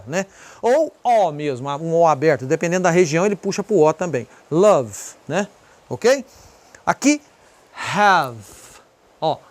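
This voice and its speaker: A teacher with a Brazilian Portuguese accent walks through a pronunciation lesson at an even middle pitch. Example words are repeated slowly and pointed out one by one, in a patient, explanatory way. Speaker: English teacher.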